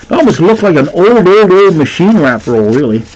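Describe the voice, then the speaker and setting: Excited Nova Scotian man hunting coins. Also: high voice, moderate pace, highs cut off, a little hiss or hum. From Nova Scotia, Canada. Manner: excitable, chuckling, breathless at finds. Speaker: coin roll hunter. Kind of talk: casual chat while sorting coins.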